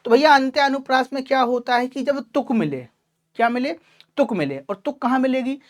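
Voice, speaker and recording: Her voice sits high and moves fairly quickly as she teaches an online Hindi class. This patient teacher checks in often and lovingly refers to her students as child.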